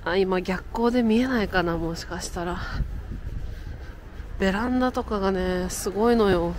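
A travel vlogger in her 30s chats to her camera while walking outdoors through a cold, windy city, laughing often. Her voice is mid-range at a moderate pace, with slight background noise.

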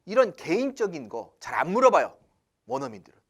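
A man's voice: high-pitched, a little fast, gravelly, breathy edge. A man teaching a casual spoken English lesson, asking rhetorical questions and answering them, switching into English phrases. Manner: animated, asks rhetorical questions then answers.

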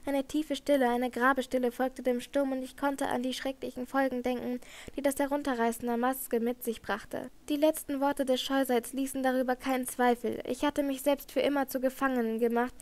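A woman reading a first-person audiobook narration in a measured, dramatic manner. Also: sits high, little pitch movement, darkish tone. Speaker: audiobook reader.

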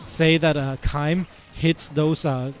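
This esports commentator from Iceland takes it slowly, his fairly high voice flat as he offers loose, rambling remarks on a fighting game match over a headset. He's giggly and playful, laughing often.

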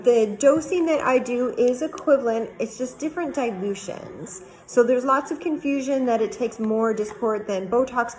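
A woman's voice: fairly high pitch, low-quality recording. A woman doctor explaining cosmetic treatments to camera in a friendly, plain-spoken way, using everyday comparisons.

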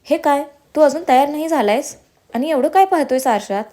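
A woman's voice: high-pitched, fairly quick, dark tone, voice pushed up, lightly acted. Woman voicing a sassy, fierce young wife. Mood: mocking. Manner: sassy, mocking.

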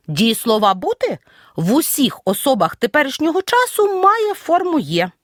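A woman teacher giving an audio grammar lesson, stressing each example word clearly. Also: a little high, no room sound, studio quality. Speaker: Ukrainian language teacher.

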